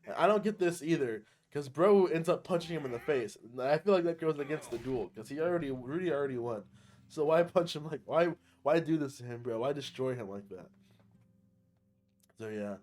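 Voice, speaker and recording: A young man giving an excitable, slangy anime recap, often laughing as he talks. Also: fairly high pitch, a little fast. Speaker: anime reviewer. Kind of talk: casual recap commentary.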